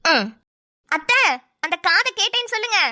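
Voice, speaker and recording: A woman's voice: extremely high pitch, animated, normal speed, pushed and bright, full character voice. A woman voicing a sarcastic, fed-up young daughter-in-law in a cartoon, grumbling under her breath. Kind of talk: cartoon voice acting.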